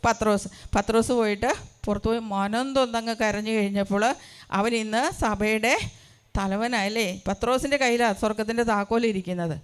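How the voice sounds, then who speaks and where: A woman's voice: medium pitch, fairly even intonation, a little fast, smooth. A religious sister giving an earnest testimony in a church hall, asking her listeners rhetorical questions. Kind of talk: sermon testimony.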